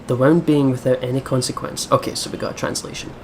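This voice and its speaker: A male let's play host with a mid-range, medium-pitched voice reads a game's story aloud and comments on it. Background noise is clearly audible.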